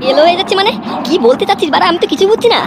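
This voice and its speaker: A woman's voice: very high-pitched, animated, racing, background noise. A woman voicing a crude, swaggering young gang member in a comic cartoon. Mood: brash. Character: cocky foul-mouthed young male gang member. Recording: voice over loud music.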